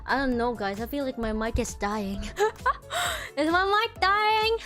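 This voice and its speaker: A woman VTuber talks loosely with her viewers in a slightly high voice. Her failing mic makes the sound crunchy and distorted. Soft background music plays faintly behind her. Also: lively intonation, takes it slowly. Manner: chatty, hums "mm-mm-mm" while reading chat. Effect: crunchy, distorted mic audio. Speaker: VTuber streamer. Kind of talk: casual livestream chat, answering chat.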